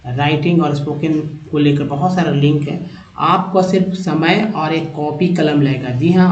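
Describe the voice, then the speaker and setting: A man's voice: fairly high pitch, warm tone. Hindi-accented man teaching English words. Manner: repeats each word slowly, spells letters aloud. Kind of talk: reading-lesson teaching. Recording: echoey lo-fi room recording.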